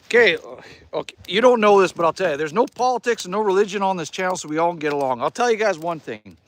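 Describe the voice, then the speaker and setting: Hosting a casual livestream from his cabin beside a wood fire, a middle-aged Canadian man reads viewer comments aloud, chatting in a folksy way and joking with them. His voice sits high, with lively intonation, and he talks fast.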